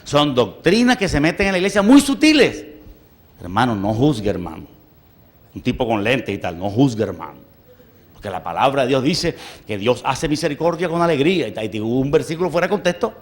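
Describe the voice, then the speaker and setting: A male pastor preaching a sermon, emphatic, swinging from loud exclamations to hushed asides and often breaking into praise. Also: medium pitch, very animated, a little fast.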